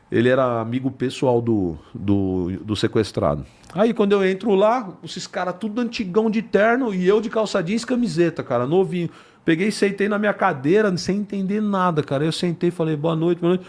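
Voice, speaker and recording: A man's voice: sits high, animated, brisk, darkish tone. An older man, a retired police officer telling a story in a podcast interview, acting out the dialogue and swearing casually. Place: podcast studio.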